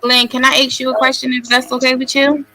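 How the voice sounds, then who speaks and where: A woman's voice: sits high, monotone, a little fast, crowd noise. A woman on a live chat show, chatty and inquisitive, asking the caller questions. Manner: chatty, inquisitive, laughs easily. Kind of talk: casual chat.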